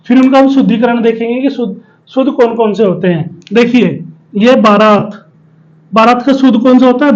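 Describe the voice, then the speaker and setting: A man's voice: extremely high pitch, darkish tone, lo-fi sound. A man teaching a spelling lesson, explaining step by step and often asking questions and answering them himself. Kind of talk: spoken Hindi spelling lesson at a board.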